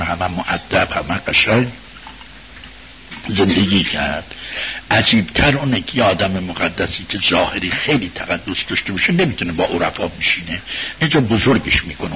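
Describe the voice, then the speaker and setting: A man giving an informal religious talk, telling a story to his listeners in a conversational way, rising to loud bursts and sinking to quiet murmurs. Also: low voice. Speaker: religious speaker addressing an audience. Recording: dull lo-fi recording with faint hiss.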